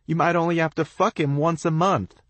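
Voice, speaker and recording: A woman's voice: sits low, slow, darkish tone, no echo, voice pushed up. A man voicing a catty, scheming young woman who talks in a sing-song, crowing way. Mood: sing-song smug.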